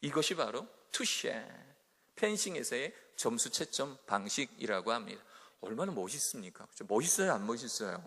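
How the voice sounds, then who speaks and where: A man giving a school chapel sermon in an animated way that builds to loud emphatic peaks. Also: mid-range voice, moderate pace. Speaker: chapel preacher. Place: chapel hall. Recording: echoey hall with long reverb.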